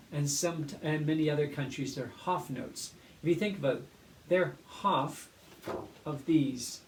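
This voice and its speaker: A man teaching a primary school music lesson, explaining clearly and patiently and chanting rhythms aloud. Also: on the high side, darkish tone. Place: classroom. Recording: echoey room, mic at a distance, faint noise.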